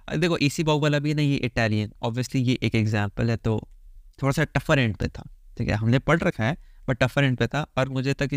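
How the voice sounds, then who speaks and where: A male teacher from India going through an exam answer key, mixing Hindi and English with frequent "theek hai" fillers and slowly spelling out letters and syllables. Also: medium pitch, clean tone, dry recording, studio quality. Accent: Hindi-English mix from India. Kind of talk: answer key walkthrough lesson.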